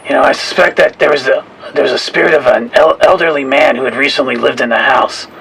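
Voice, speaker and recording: A man chatting casually on a podcast in a hesitant, halting way with many pauses. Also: mid-range voice, fairly even intonation, creaky, fairly bright tone, rough recording. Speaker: podcast co-host and caller. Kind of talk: casual chat. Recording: faint background noise.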